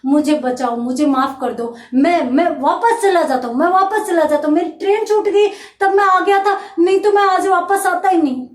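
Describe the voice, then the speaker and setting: A woman voicing a frightened male guest who begs for mercy in a rushed, panicked way. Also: very high voice, echoey room. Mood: pleading.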